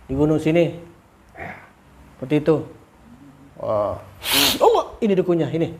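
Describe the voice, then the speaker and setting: A man, working as a spiritual healer in an exorcism session, giving commands and repeating sharp questions. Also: fairly high pitch, sing-song, moderate pace, slight background noise.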